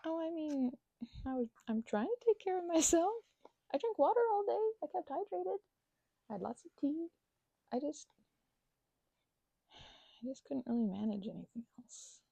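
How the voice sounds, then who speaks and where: Close to the microphone, a woman rambles hesitantly as the listener's roommate in an ASMR roleplay, full of fillers and stammered restarts, at times slipping into soft whispers. Her high, creaky voice swings widely in pitch at normal speed, with long pauses. The low-quality recording has no echo.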